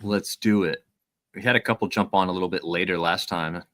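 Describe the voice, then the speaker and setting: Deep voiced guy cohosting a sports podcast, dry close sound, laid back and rambly. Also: brisk, no echo. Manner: chatty, relaxed, explains at length. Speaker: podcast co-host. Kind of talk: casual watch-party chat.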